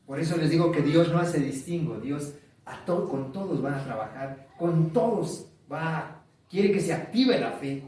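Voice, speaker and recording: Male preacher, sermon delivery, quizzes the crowd and repeats key words; high voice, boomy distant room sound. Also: expressive, a little slow, a little mellow, very echoey. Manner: asks the congregation questions and repeats key words.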